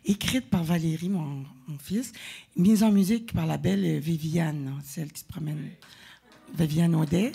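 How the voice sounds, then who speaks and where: Woman, Acadian French accent, gravelly, very husky, chatty stage banter, rambling. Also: lowish voice. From Acadia, eastern Canada. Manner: chatty, warm-hearted, rambling with fillers and self-corrections. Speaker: singer presenting her album. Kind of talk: casual stage banter with a live audience. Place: concert venue stage.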